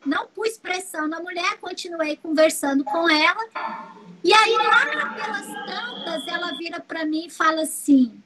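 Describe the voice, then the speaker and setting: A Brazilian woman, a family constellation therapist, teaching through lively stories and repeating phrases for emphasis. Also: very high-pitched, unhurried, poor audio. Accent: Brazilian Portuguese. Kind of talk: teaching talk with anecdotes.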